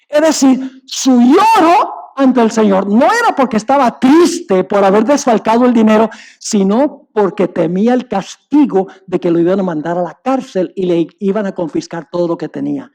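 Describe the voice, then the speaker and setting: A man's voice: high-pitched, dark tone. A male pastor preaching a sermon, telling a parable with emphasis and speaking directly to the congregation. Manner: emphatic storytelling, addresses the audience directly.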